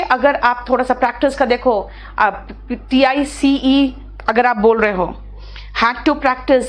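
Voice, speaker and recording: Indian woman teacher, fairly high voice, reads English lines slowly and explains them in Hindi to her students. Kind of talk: live online class, answering student questions.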